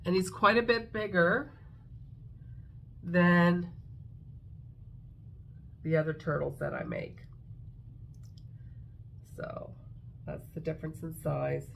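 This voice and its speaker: A woman's voice: fairly low pitch, fairly even intonation, slow pace, gravelly, pauses often, fairly bright tone, a little hiss or hum. A woman with a congested, stuffy voice, chatting casually as she shows her crafts and thinks aloud. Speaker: craft vlogger. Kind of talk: casual show-and-tell chat.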